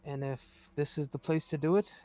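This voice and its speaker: A man's voice: fairly high pitch, little pitch movement, moderate pace, dark tone. A man playing a tabletop game, talking reassuringly and reasoning through plans with the group. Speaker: player. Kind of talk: casual in-character game talk.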